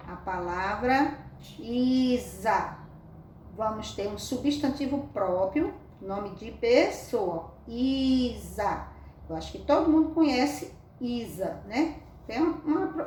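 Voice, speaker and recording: Slow, echoey woman teaching children. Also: a little high, a little mellow. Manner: affectionate, sing-song, coaxing questions to children. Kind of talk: slow, careful children's reading lesson. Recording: echoey room, mic at a distance, faint background noise.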